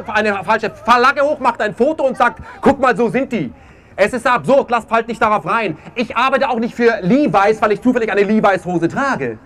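High-voiced man giving a rally speech. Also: fairly bright tone. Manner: emphatic, keeps tagging questions with "ja?". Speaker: speaker at a peace rally. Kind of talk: impassioned protest speech. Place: outdoor street demonstration. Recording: faint crowd noise outdoors.

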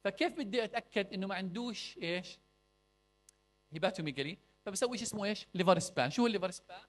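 A young man lecturing a clinical medicine class quizzes his students with rhetorical questions and mixes in English medical terms. His voice is high-pitched, animated and rapid-fire.

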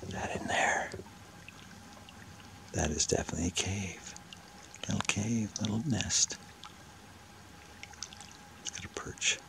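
A man paddling a kayak along a rocky lakeshore, talking excitedly to the camera and often dropping to a whisper. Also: fairly low pitch, slow, gravelly, pauses often. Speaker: vlogger hunting for a lake monster. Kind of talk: casual first-person narration while paddling. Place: outdoors on a lake by rocky shore, in a kayak. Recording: outdoor camera audio with water and paddle noise. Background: water and paddling sounds.

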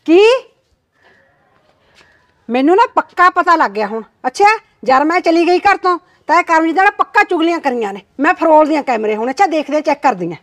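A nagging, gossipy old mother-in-law, played by a woman, with a high-pitched voice. She complains and argues back at her husband. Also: big pitch swings, fairly quick, fairly bright tone. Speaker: actor. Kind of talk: amateur short-film acting.

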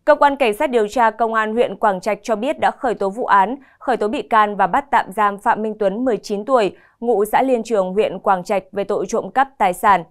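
A young woman anchoring the news in a TV studio with a crisp, formal delivery. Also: medium pitch, moderate pace, hardly any pauses.

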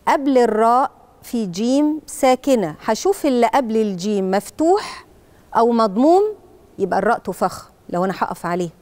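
Egyptian woman preacher, slightly high voice, patient step-by-step recitation teacher, slow drawn-out modelling of verses. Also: expressive, darkish tone, dry recording. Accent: Egyptian Arabic. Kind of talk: Quran recitation lesson for children.

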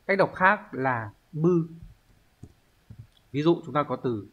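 A man teaching an online language lesson, explaining step by step at an unhurried pace and thinking aloud with pauses. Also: a little high, lively intonation, muffled recording. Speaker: Japanese teacher.

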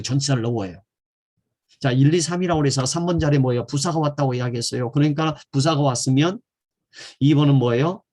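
A man from South Korea teaching an English grammar lesson built around Bible verses. He reads English phrases very slowly and deliberately, and his voice swings from loud stressed English words to soft encouragement. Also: medium pitch, breathy edge.

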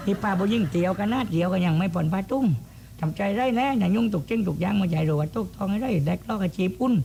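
A man's voice: sits high, fast, gravelly, mellow. A man voicing a coarse rustic clown in a shadow-puppet comedy, bantering in silly slapstick fashion with a southern Thai accent. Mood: bickering, silly. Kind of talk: comic shadow-puppet dialogue.

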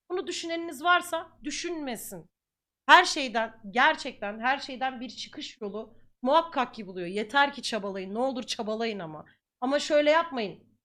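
High-voiced young woman streamer, earnest. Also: a bit bright. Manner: earnest, emphatic, repeats phrases for stress; casual slangy speech. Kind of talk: live stream chat talk to viewers.

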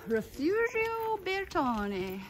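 A woman's voice: very high-pitched, background noise. A woman talking casually and playfully to her camera while hiking a mountain trail, cracking little jokes as she goes. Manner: playful, chatty, jokey. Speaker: hiking vlogger.

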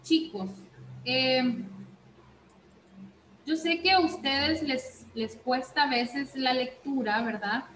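A woman teacher giving an online reading class, speaking slowly and checking in with frequent questions, mixing Spanish and English. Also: sits high, a bit bright, echoey room, slight background noise, poor audio. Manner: slow, repeats "¿ok?" often, switches between Spanish and English.

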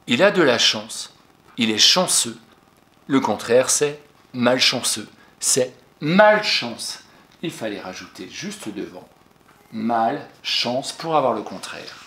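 A man's voice: mid-range voice, fairly bright tone. A male teacher patiently going over exercise answers for a young pupil, speaking to them directly and spelling words out letter by letter. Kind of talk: classroom lesson correction for young pupils. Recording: echoey room.

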